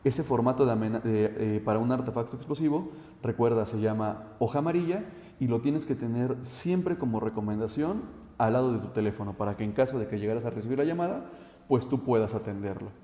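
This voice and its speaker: A man teaches safety procedures in a direct, instructive way, speaking straight to the listener and filling pauses with 'eh'. His voice is warm and mellow. The room is roomy with a long, ringing reverb. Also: medium pitch, expressive. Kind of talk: instructional talk addressed to the listener.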